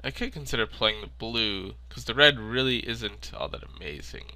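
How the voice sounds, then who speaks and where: A man's voice: on the low side, big pitch swings, moderate pace, bright, forceful tone, no room sound. A man with a sick, stuffy, nasal voice, thinking aloud in casual card-game commentary. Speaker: video maker.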